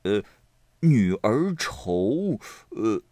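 A loud, boorish young rich man, as a man reading the story puts him on, who hems and stalls between words and then bursts out. His voice rises and falls widely, and it sits close in a dry, flat-sounding space. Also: medium pitch, no echo, pitched above the performer's own voice, full character voice. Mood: blustering. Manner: hemming with drawn-out pauses.

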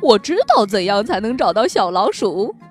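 A woman's voice: mid-range voice, big pitch swings, moderate pace, faint music behind, natural voice. Woman voicing a talking map, confident. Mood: knowing. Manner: confident, instructive. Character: helpful talking map, calm and knowing. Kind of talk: storybook read-aloud for children.

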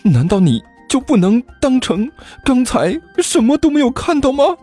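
A man's voice: extremely high pitch, sing-song, normal speed, dark tone, husky, faint music behind, voice pushed up, heavily acted. A man voicing a chubby teenage boy who stammers and blusters in an audiobook. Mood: pleading. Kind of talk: audiobook character voice.

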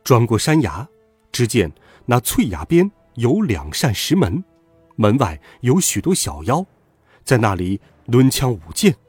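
A man narrating a storybook with a lively, dramatic reading. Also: medium pitch, unhurried, husky, dry recording, faint music behind.

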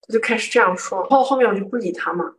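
A woman's voice: mid-range voice, very fast. A young woman from Guangzhou tells a personal story in casual chat, acting out the quoted lines of an argument with rising indignation. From Guangzhou, southern China. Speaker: guest telling a personal story. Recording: voice picked up from a distance.

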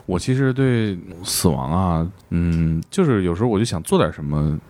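Lively-voiced male interview host. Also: low-pitched, normal speed. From Northeast China. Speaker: podcast host. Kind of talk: casual interview.

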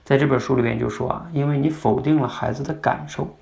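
Gravelly-voiced man hosting a podcast. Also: mid-range voice, fairly even intonation, quick pace, a little mellow. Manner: conversational, asks listeners questions. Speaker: podcast host teaching communication. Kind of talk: explanatory podcast talk.

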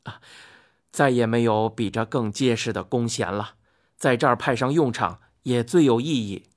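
A woman voicing Hou Yi, a calm hunter husband who speaks softly and placatingly, for a spoken storybook. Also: very deep voice, pitched below the performer's own voice. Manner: soft, placating, slow.

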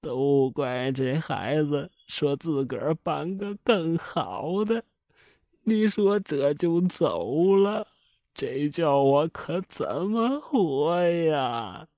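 A man voicing an old mother with a drawn-out, nagging voice. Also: a little high, animated, a little mellow, no echo, studio quality, voice pushed up, heavily acted. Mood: wailing. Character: old mother, scolding and grieving.

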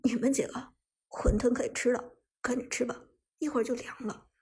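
A woman voicing a calm, composed young man who speaks softly and in a measured way. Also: breathy edge. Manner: soft, measured, low.

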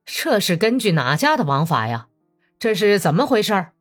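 A woman voicing a smooth-talking male Cossack commander who coaxes and persuades. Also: mid-range voice, big pitch swings, normal speed, faint music behind. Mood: coaxing. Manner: cajoling, persuasive.

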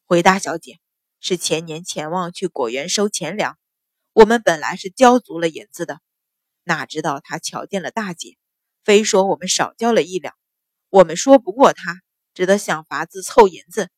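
A woman's voice: fairly low pitch, expressive, moderate pace, dry recording, clean studio sound, pitched below the performer's own voice. A woman voicing a humble peasant man who pleads his family's case earnestly and deferentially. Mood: aggrieved.

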